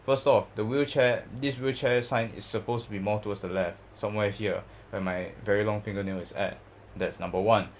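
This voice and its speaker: A man with a Singaporean accent talks in a fairly low voice, as if hosting a casual review vlog. He rambles informally and tags his phrases with "lah". There is noticeable noise in the recording. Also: steady tone, a little fast. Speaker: video host, model bus collector. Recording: clear background noise.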